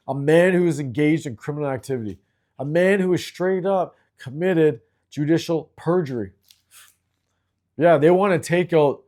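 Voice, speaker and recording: A man's voice: a little high, warm tone. A middle-aged man from Canada hosting his own video, ranting angrily and with lots of swearing about complaint agencies. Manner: angry, frustrated, profane. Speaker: video host. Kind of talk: ranting commentary.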